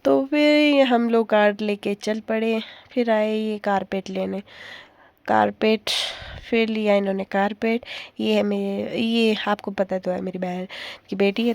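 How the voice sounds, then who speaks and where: Low-key chatty woman with gravelly voice. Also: darkish tone, no echo. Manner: chatty, rambling, laughs often. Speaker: vlogger. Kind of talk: casual vlog narration.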